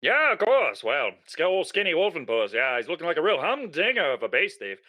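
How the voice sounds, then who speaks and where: A man playing an excitable old-time farmer on a comedic 1920s-style radio parody, rambling with folksy exclamations. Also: on the high side, a little fast. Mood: frantic. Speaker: co-host playing a hapless farmer.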